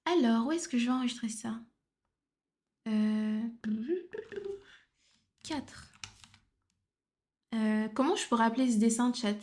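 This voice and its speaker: A fairly high-voiced woman talks loosely to her livestream audience as she draws. She drifts in and out of English phrases and hums or mutters to herself between thoughts. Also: takes it slowly, long pauses, a little mellow. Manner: chatty, mixes English phrases into French. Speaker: art livestreamer. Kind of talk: casual livestream chat while drawing.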